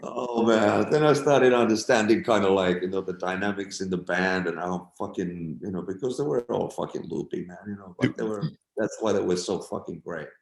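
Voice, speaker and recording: This middle-aged guest musician has a deep voice with vocal fry, a moderate pace and hardly any pauses. Laid-back and cursing freely, he tells stories and acts out quotes in a casual interview. The room gives a roomy echo.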